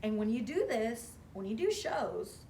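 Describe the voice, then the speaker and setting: A woman guest, a hair stylist, telling her career story in a casual interview, lively and acting out the voices of people she quotes with gasps. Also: fairly high pitch, measured pace, slight background noise. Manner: animated, acts out quoted dialogue with gasps.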